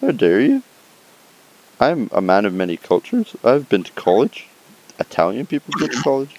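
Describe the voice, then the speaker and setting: A man's voice: medium pitch, huge pitch swings, moderate pace, darkish tone, rough recording. A young man co-hosting a casual streamed chat, bantering and self-mocking. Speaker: podcast co-host.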